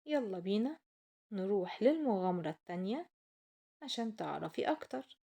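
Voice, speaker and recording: A woman's voice: mid-range voice, big pitch swings, a little fast, vocal fry, warm tone. A woman with an Egyptian accent voicing a magic talking chair in a children's story, grand and inviting like a guide. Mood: guiding.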